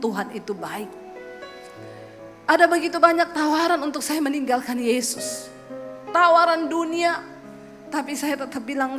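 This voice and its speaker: High-voiced woman pastor from Sulawesi. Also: long reverb tail. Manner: lively storytelling, acts out quoted voices. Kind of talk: sermon testimony.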